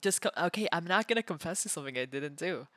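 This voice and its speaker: A man's voice: a little high, expressive, fast, bright, forceful tone, no room sound. Man playing a cheeky, stammering gremlin femboy. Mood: flustered denial. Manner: stammering, protesting, repeating words. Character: cheeky gremlin femboy prankster, evasive and playful. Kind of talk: ASMR role-play.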